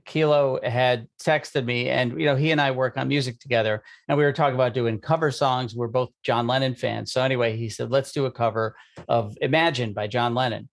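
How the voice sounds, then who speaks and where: Man with a gravelly voice. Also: mid-range voice, steady tone, a little fast. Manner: musing, filler-heavy. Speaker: podcast co-host, musician. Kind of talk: casual conversation.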